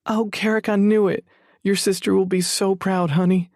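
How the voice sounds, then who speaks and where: A man's voice: medium pitch, lively intonation, moderate pace, a little mellow, dry recording, voice pushed up, natural voice. Man doing a mother's voice, raised well above his own, emotional, stern and pleading, dry close sound. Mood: excited. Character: eager, emotional middle-aged mother.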